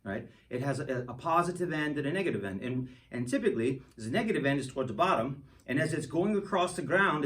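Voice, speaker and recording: A man hosts a goofy, hands-on science demo for kids, playful and joking as he rambles with many restarts. His voice is fairly high and a bit bright, but he sits far from the mic and the audio is poor.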